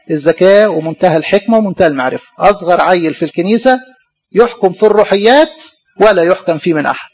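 Fast, gravelly Egyptian preacher. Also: male voice, high-pitched, a little mellow. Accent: Egyptian Arabic. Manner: asks the congregation questions and answers himself. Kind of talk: sermon. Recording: dull lo-fi recording.

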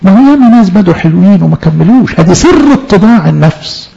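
Egyptian guy preaching, dark gravelly voice, talks quick, asks lots of questions. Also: high voice, expressive, lo-fi sound. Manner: rhetorical questions, voices the soul's own words. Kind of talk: sermon on scripture.

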